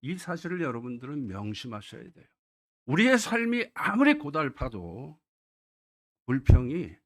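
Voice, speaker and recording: High-voiced pastor preaching a sermon. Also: male voice, a bit bright. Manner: asks the congregation questions and answers them himself; quotes scripture in a raised, slowed voice. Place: church.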